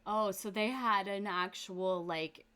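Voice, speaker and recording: A woman's voice: mid-range voice, fairly even intonation, slow pace, sharp tone, smooth, soft background music. A pregnant woman from Canada giving dry, sarcastic reaction commentary on a vlog.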